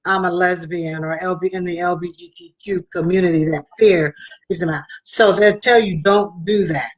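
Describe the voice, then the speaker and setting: A woman's voice: lowish voice, fairly even intonation, moderate pace, poor audio. Woman host chatting life advice, emphatic, talks right to the audience. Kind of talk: conversational motivational talk show.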